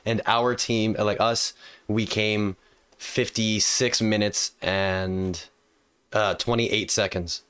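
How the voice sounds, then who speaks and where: A young man with a deep voice and a cold, hosting a casual gaming podcast that is streamed live. He rambles, with many fillers and restarts. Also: fairly even intonation, takes it slowly, a bit bright, smooth. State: sick with a cold. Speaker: podcast host.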